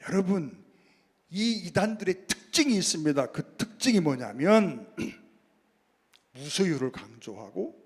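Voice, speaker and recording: A man's voice: on the high side, sing-song, takes it slowly, husky, long reverb tail. A man preaching a sermon as pastor, often calling out to the congregation and answering his own questions. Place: church sanctuary.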